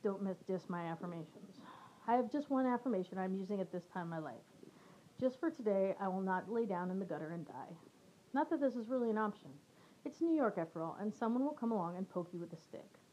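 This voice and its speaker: A woman in her forties reading her own personal essay aloud with a wry, deadpan delivery. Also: medium pitch, brisk, lo-fi sound, slight background noise. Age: 40s.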